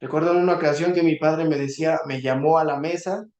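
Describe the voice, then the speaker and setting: A man in his thirties giving a sermon on a Torah portion, earnest and pleading, often dropping to a soft voice for emphasis. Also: fairly high pitch, fairly even intonation, quick pace, echoey room. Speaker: Bible teacher.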